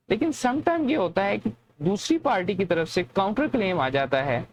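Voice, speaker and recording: A woman with a Pakistani accent delivers a didactic law lecture, mixing in English terms, repeating points, and often posing questions before answering them herself. Her voice is lowish, and the poor audio carries a little hiss or hum.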